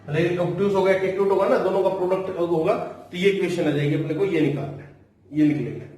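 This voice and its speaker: एक पुरुष शिक्षक, ऊँची आवाज़ में, कक्षा को गणित के फ़ॉर्मूले समझाते हुए, हर कदम दोहराते हुए। आवाज़ बहुत गूंजती है और माइक से दूर लगती है।. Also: male voice, high-pitched, mellow. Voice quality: explains step by step, repeats key phrases, slows down to dictate formulas. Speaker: math teacher. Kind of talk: classroom math lecture. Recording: very echoey room, voice from a distance.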